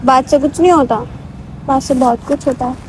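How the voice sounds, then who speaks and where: A woman's voice: sits high, steady tone, a little fast, slight background noise, poor audio. A young woman talking a man as she vlogs, pleading and soothing, mixing into her speech and repeating herself often. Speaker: vlogger. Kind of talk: emotional staged vlog conversation.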